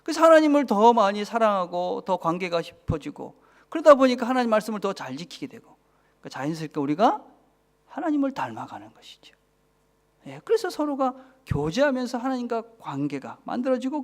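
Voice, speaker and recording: Man, pastor, Busan accent, sermon in church, very animated pitch, hushed asides. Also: fairly quick. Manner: keeps asking the congregation for agreement, drops to a whisper for emphasis.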